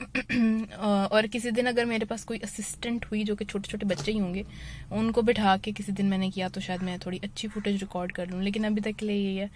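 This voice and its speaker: Young woman, driving vlogger, casual step-by-step talk, phone mic in a moving car with clear road noise. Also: mid-range voice, little pitch movement, a little fast. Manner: explains each step plainly, slipping English phrases in. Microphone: phone held in one hand.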